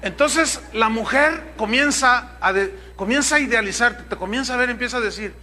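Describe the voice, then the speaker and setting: A man's voice: very high voice, moderate pace, pushed and bright. A man, preaching a sermon in a conversational, humorous way and asking the crowd rhetorical questions. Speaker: pastor.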